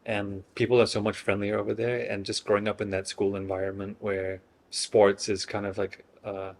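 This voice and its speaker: Man, 30s, from Singapore; hesitant, easygoing interviewee, lowish voice. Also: moderate pace. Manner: relaxed, hesitant, many fillers and restarts. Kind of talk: casual interview chat.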